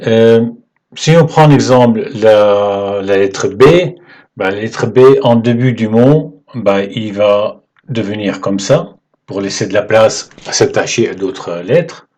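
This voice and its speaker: A man teaching the alphabet in French, patient and halting, often checking in with "ok?" as he writes. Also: on the low side, darkish tone. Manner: slow, halting delivery with fillers. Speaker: Arabic teacher. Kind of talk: whiteboard lesson explaining letters.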